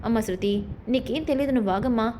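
A scheming, sharp-tongued mother-in-law, as a woman narrator reads her hurls accusations. Her lines come fast and a little high. The delivery stays close to a storyteller's plain voice. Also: a little hiss or hum, lightly acted. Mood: accusing. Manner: accusing, bossy.

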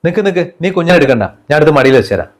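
A man's voice: on the high side, lively intonation, racing. A man acting as an exasperated son in a family sketch, with light music behind. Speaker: son character.

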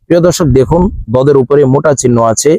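A man teaching Quran recitation, spelling out each syllable and then chanting the words slowly and drawn out. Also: on the high side, creaky, mellow, no echo. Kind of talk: letter-by-letter recitation lesson.

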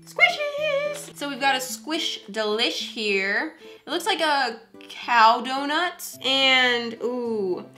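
A woman hosting an unboxing vlog, chatting excitedly with frequent giggles and gushing exclamations. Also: sits high, takes it slowly, faint music behind. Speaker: craft YouTuber host.

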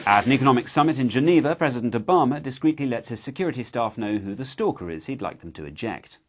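A man hosting a comedy news quiz, reading scripted jokes in a crisp, deadpan manner. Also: mid-range voice, fast talker. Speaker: quiz show host. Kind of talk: scripted comic link reading.

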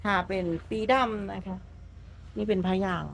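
A woman's voice: mid-range voice, level tone, moderate pace, vocal fry, a little hiss or hum. Chatty woman showing off a truck. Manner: chatty, enthusiastic, polite sentence endings. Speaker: presenter for a truck body workshop channel. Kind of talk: walkaround vehicle showcase. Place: outdoors at a truck workshop.

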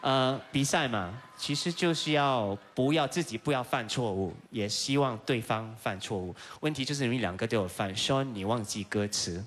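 A man's voice: mid-range voice, normal speed, few pauses, fairly bright tone. Male judge, medium voice, dry jokes, faint background hum. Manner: wry, joking. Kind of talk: judge's critique on a talent show.

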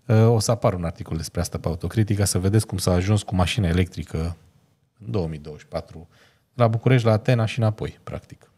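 A man in his thirties hosting a car podcast as casual chat in a studio, telling stories with a lively manner and laughing often. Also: low voice, breathy edge. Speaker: podcast host. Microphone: studio mic on boom arm.

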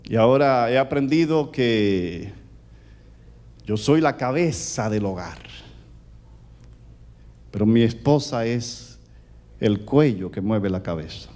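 Loud, animated Caribbean preacher man. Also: takes it slowly, pauses often. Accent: Caribbean Spanish. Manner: animated, loud, swings between booming and hushed. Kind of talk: sermon.

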